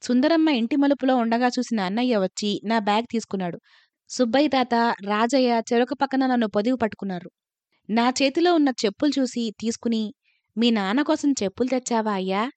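A woman reading a first-person story aloud in a calm, measured narration. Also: on the high side, no echo.

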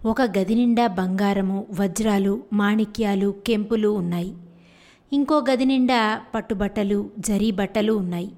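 A woman storyteller reading a children's fairy tale aloud in a steady, unhurried way. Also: medium pitch.

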